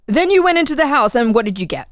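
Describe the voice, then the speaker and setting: In a studio-quality recording with no echo, a woman with a high, very animated voice reads quickly. She performs a dramatic reading of an interrogation transcript, voicing an insistent official who methodically questions a prisoner held for murder, her tone probing and insistent.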